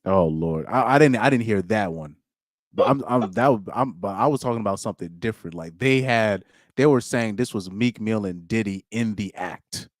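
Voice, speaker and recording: A man's voice: on the low side, normal speed, no echo, studio quality. Slangy rambling young man on a live stream. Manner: rambling, lots of restarts and slang. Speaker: podcast host reading live chat. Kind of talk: casual live-stream chat.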